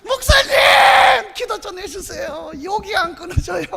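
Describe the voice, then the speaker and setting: Lady doing a loud cussing fed-up wife, super high squawky voice, gravelly, echoing hall. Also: lively intonation, a little slow, exaggerated voice. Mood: aggrieved. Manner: loud, coarse, swearing complaints. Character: fed-up middle-aged wife griping about husband. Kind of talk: comic church skit. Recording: long hall reverb.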